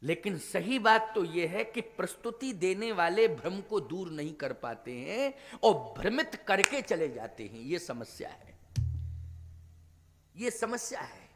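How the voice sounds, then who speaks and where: Man preaching a sermon, high bright voice, slow delivery, loud then hushed, long hall reverb. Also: expressive, soft background music. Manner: emphatic, swings from loud declaiming to low asides; chants scripture verses slowly. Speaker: preacher of a Ram Katha discourse. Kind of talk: devotional sermon.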